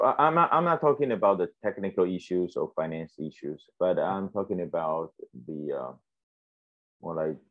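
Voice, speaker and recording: A man hosting a conversational interview, halting and restarting as he searches for words. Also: a bass voice, no room sound. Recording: dry, dull lo-fi sound.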